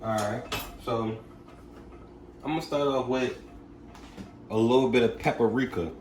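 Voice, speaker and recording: A man's voice: medium pitch, unhurried, roomy sound, distant mic, slight background noise. Laid-back young man chatting while cooking. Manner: laid-back, slangy, keeps asking "you feel me?". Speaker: vlogger cooking for his family. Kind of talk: casual cooking vlog chat. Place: home kitchen, indoors.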